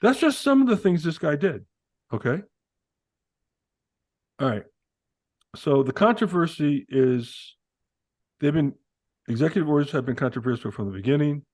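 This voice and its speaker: A man co-hosting a casual political podcast, animated and joking as he reads old quotes aloud. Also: fairly high pitch, normal speed, pauses often, dry recording. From Italian-American. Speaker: podcast co-host. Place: Arizona.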